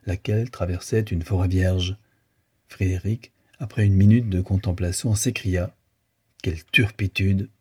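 A man reading a classic novel aloud as an audiobook narrator, in a measured, even manner. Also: sits low, husky. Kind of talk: scripted literary narration.

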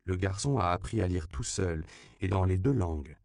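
Earnest, kindly brother read by a male narrator, low and gravelly. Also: moderate pace, darkish tone, dry recording, clean studio sound.

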